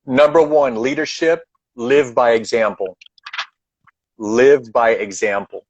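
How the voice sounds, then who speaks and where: A man's voice: medium pitch, slow, highs cut off, a little hiss or hum. A man speaking as a guest in a live online chat, giving advice earnestly and repeating his key points for emphasis.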